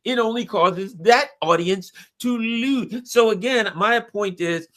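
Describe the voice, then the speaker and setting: A man's voice: high-pitched, takes it slowly, pushed and bright. A man talking politics in an emphatic, sarcastic way, mocking the people he criticizes. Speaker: political commentator. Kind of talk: animated political discussion.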